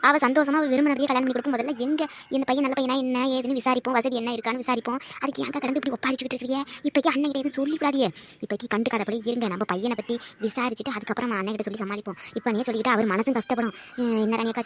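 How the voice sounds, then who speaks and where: A woman's voice: a little high, steady tone, rapid-fire, a little hiss or hum, lightly acted. A woman as a coaxing young neighbor woman. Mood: soothing. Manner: soothing, coaxing persuasion. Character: young married neighbor woman, caring peacemaker.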